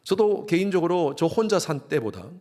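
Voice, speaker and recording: A man in his sixties preaching a sermon in church, lively and acting out quarreling couples. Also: a little high, moderate pace. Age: 60s. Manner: lively, acts out quarreling couples in quoted lines. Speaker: pastor.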